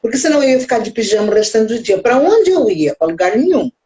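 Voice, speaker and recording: A woman co-hosting a live talk show, telling animated stories and laughing often in casual chat. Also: fairly high pitch, quick pace, low-quality recording. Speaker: co-host.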